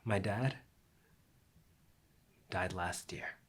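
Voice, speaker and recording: A young man performing a reflective theatrical monologue, slow and measured, sinking at times to a near whisper. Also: low voice, a bit bright.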